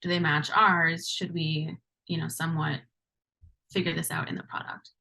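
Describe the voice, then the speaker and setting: Chatty woman with a bright voice. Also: deep voice, little pitch movement, moderate pace, vocal fry, poor audio. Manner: chatty, frequent "like" and restarts. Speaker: guest, implementation lead. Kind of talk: casual podcast conversation.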